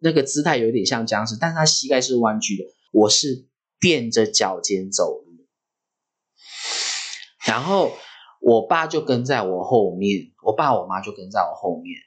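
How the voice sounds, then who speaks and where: A man, hosting a podcast and telling a story in a vivid, animated way. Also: fairly low pitch, measured pace, slightly rough. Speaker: podcast host.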